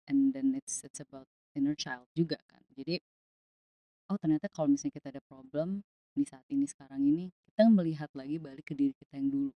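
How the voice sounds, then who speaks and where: Young woman on a podcast, low-ish voice, thoughtful, mixes in english, dry close sound. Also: fairly quick, no room sound, dull audio. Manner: reflective, mixing English phrases into Indonesian. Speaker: podcast guest, singer. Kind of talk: casual podcast conversation.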